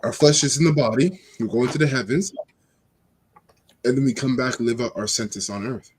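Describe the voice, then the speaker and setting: A man leading an online bible study, reading verses slowly with stumbles and explaining them in casual speech. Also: medium pitch, slightly rough. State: has hiccups. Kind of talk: scripture reading and preaching to an online group.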